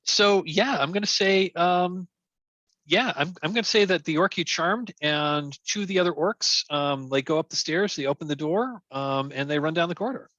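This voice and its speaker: A man running a tabletop game as game master, relaxed and a little hesitant. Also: fairly high pitch, normal speed, no echo, dull audio.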